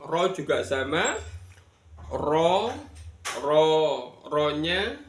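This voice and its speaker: A man's voice: on the high side, expressive, very slow, a little hiss or hum. A man from Indonesia teaching Quran reading rules, patiently spelling out letters and counting learners in. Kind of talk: tajwid lesson with recitation. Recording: echoey room.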